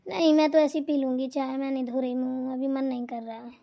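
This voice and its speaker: A woman doing a squeaky, whiny sister-in-law. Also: level tone, brisk, dark tone. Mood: whining. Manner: whiny, complaining, sulky. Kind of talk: cartoon comedy voice acting.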